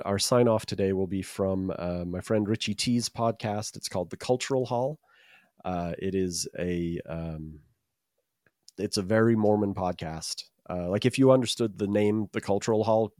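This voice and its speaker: A man's voice: on the low side, a little mellow, no echo, studio quality. A man hosting a podcast in casual chat, speaking in a hesitant, rambling, self-deprecating way. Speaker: podcast host.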